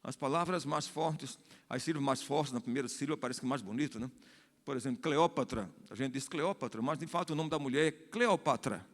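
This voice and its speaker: A man's voice: mid-range voice, a little fast. A man with a Brazilian Portuguese accent teaching a Bible study as a pastor, explaining at length and often checking in with his listeners. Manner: explanatory, repeats and restarts phrases, asks the congregation "né?". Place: church hall. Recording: long hall reverb.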